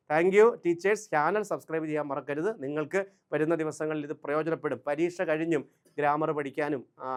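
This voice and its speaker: A man with a fairly high voice and a Malayali accent, teaching English grammar to exam candidates. He drills words aloud in lists and checks with the class through quick questions. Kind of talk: online exam-prep lesson.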